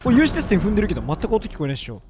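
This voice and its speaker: A man with a hoarse, strained voice talks over a game, excitable and joking at his own expense. His voice sits high and swings up and down a lot. A faint hiss runs underneath. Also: rapid-fire. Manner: excitable, joking, self-mocking. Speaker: gaming video creator. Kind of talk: gameplay commentary.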